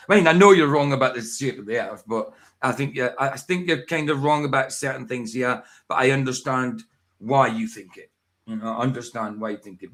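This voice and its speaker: A man's voice: medium pitch, a bit bright. Scottish man with a northeast Doric accent. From northeast Scotland. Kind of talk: casual chat.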